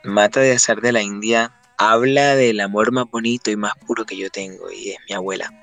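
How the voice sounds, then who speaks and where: A man's voice: lowish voice, steady tone, a little fast, vocal fry, a bit bright. A man from Colombia answering radio interview questions about his songs, telling stories reflectively with frequent restarts. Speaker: musician guest.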